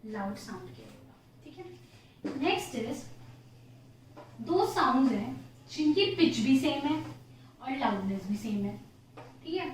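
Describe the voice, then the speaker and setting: A woman's voice: on the high side, big pitch swings, a little slow, long pauses, a little hiss or hum. A woman teacher explaining a physics lesson step by step, asking questions and answering them herself. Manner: mixes Hindi with English phrases, often says "theek hai". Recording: echoey room, voice from far off.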